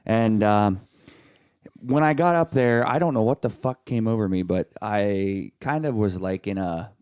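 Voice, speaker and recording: A young man co-hosts a film podcast, telling stories in a sleepy, profane way. His voice sits fairly low. The sound is dry and close. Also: a little slow, a little mellow, clean tone, dry recording. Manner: sleepy, swearing storyteller. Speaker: podcast co-host. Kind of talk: casual film podcast chat.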